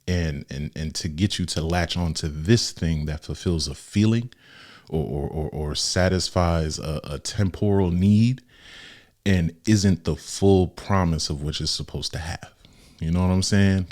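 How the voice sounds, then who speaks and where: A young man hosting a faith podcast, talking in a relaxed, conversational way with casual slang. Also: low-pitched. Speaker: podcast host.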